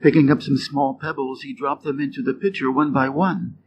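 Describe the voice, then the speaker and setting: An English teacher from Wisconsin, an American man with a Midwestern accent, reads short fables and quiz questions slowly from a script for learners. His mid-range voice keeps a fairly even intonation, clear and deliberate, rising on the answer choices. The recording sounds dull and lo-fi with faint noise.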